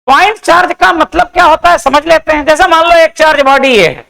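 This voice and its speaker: Male physics teacher, lecture delivery, high-pitched with a gravelly edge. He quizzes the class and repeats himself. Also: animated, sharp tone, poor audio. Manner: asks questions and answers them himself, repeats key points; dictates definitions slowly.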